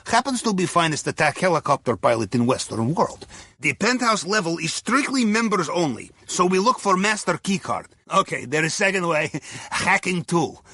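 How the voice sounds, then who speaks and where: In video game mission dialogue, a male actor gives a full character voice to a jovial, crafty Russian submarine captain who plots heists in a wry, conspiratorial manner. The voice is high, raspy and sharp, with clipped non-native phrasing and a genial, wry mood, captured in a dry recording.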